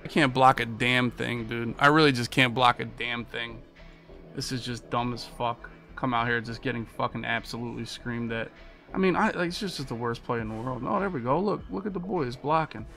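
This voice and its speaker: American guy streaming a game, sharp forceful voice, swears and grumbles a lot, music in the back. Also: medium pitch, normal speed, creaky. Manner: frustrated, profane griping. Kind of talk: live gameplay commentary. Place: small indoor streaming room with monitors.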